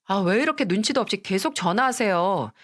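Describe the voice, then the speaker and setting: A woman's voice: medium pitch, expressive, brisk, lightly acted. A woman voicing a rude, selfish younger sister-in-law who talks in a sulky, dismissive tone.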